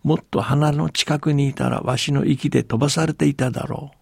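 Brief: man voicing a vast old male giant from the far north, loud, slow, breathy huffs, gravelly fry. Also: on the high side, fairly even intonation, no room sound, studio quality, heavily acted. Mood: kindly, grave. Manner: drawn-out blowing breaths, loud commanding voice.

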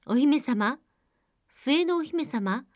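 A woman voicing a squat, persistent male frog who speaks courteously and pleads in drawn-out calls. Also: high-pitched, lively intonation, no room sound, clean studio sound, pitched above the performer's own voice, full character voice. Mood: pleading.

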